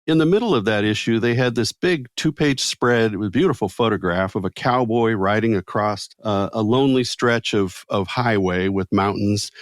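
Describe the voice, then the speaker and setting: An older man, a guest author and former magazine publisher, telling stories in a relaxed interview with frequent fillers and restarts. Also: on the low side, dry recording, clean studio sound.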